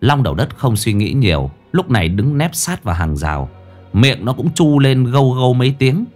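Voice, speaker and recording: A male storyteller narrates a comic ghost tale with a lively, animated voice that swings up and down in pitch. Soft music plays faintly behind him. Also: normal speed.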